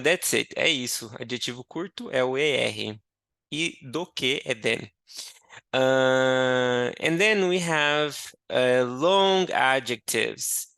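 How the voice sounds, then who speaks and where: A young man gives an English lesson at an unhurried pace. His voice is clear and resonant, with a gravelly edge, and it sounds dry and close to the mic. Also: medium pitch, a bit bright, no room sound. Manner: slow and explanatory, switching between Portuguese and English. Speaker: English teacher. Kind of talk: teaching a language lesson.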